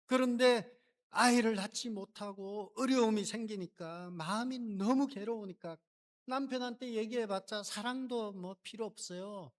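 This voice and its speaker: Man, pastor, sermon, dramatic storytelling delivery, slightly high pitch. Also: moderate pace. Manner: animated, acts out quoted voices and mutters. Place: church sanctuary.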